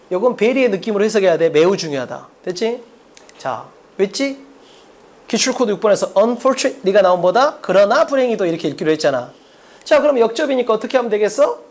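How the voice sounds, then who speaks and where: Animated teacher quizzing students rhetorically. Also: medium pitch. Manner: fires rhetorical questions at students, emphatic drilling. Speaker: English exam-prep teacher. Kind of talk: mock-exam explanation lecture. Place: lecture room at a board.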